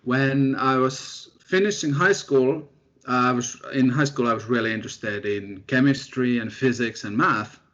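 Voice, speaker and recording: Relaxed man, lo-fi audio. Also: medium pitch, normal speed. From Finland. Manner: relaxed, self-deprecating storytelling. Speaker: guest scientist, postdoctoral researcher. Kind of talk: casual interview chat. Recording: dull lo-fi audio.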